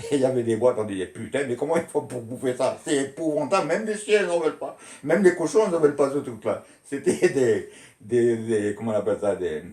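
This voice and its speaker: A man's voice: medium pitch, darkish tone. Older man, casual reminiscing, rambling, frequent laughter, echoey room. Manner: rambling, laughing often, colloquial. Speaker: storyteller recalling childhood.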